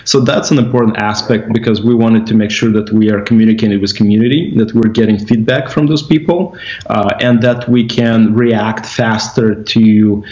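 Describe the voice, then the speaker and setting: A man with a Russian accent, a company executive being interviewed, talking casually with many pauses and restarts. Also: on the low side, steady tone, a little mellow. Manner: hesitant, many uh fillers and restarts. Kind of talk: casual interview over a video call. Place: at home in an indoor room. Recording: dull, echoey room sound.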